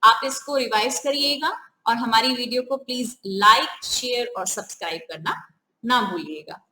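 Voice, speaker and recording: A woman's voice: on the high side, normal speed, pushed and bright, echoey room, slight background noise, poor audio. A woman teaching a grammar lesson step by step, often asking the viewers questions. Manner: repeats "ठीक है", asks the viewers questions.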